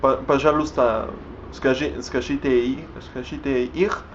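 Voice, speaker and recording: In an unscripted vlog, a young man who grew up speaking Spanish fumbles through a second language, with frequent restarts and fillers. The voice is mid-pitched and even in tone. Faint hiss runs under a somewhat dull, low-fidelity recording.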